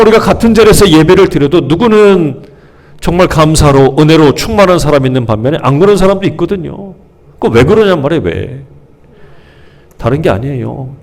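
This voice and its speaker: A man preaching a sermon as pastor, who asks the congregation questions and answers them himself, and briefly acts out the grumbling people. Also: darkish tone. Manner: acts out the grumbling crowd with sudden pitch jumps. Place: church sanctuary.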